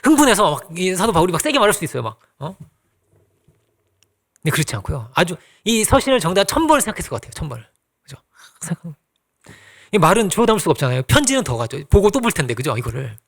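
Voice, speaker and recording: Lively fast-talking male pastor. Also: high-pitched, gravelly. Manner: conversational preaching, acting out quoted lines with soft asides and laughs. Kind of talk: sermon.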